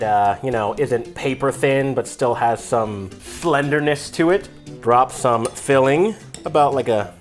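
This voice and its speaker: A man hosting a casual, comedic cooking lesson in a loose, rambling drunk manner, irreverent and a little profane. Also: medium pitch. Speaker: cooking video host. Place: home kitchen.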